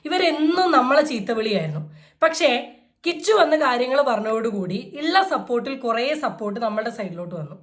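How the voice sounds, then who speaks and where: A woman vlogger hosting her reaction channel, giving casual commentary in an energetic, sarcastic and mocking manner. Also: a little high, fairly quick.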